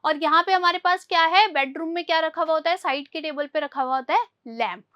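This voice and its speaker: A woman teaching a vocabulary lesson. She asks a question, answers it, and has each word repeated, lifting her voice on each new word and dropping soft on the answers. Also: extremely high pitch, brisk.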